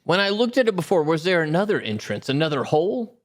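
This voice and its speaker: A man's voice: a little high, very animated, fast talker. A man playing a tabletop game, asking the game master questions. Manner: curious, asks many questions. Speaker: player. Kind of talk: casual tabletop play.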